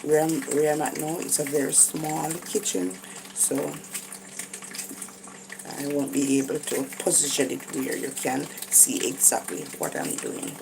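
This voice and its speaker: In a deep, creaky voice and at a measured pace, a tired Jamaican woman narrates an informal cooking vlog from her small kitchen. Fillers and false starts pepper her hesitant speech. It's phone audio, held from above, with the clatter of the kitchen behind her.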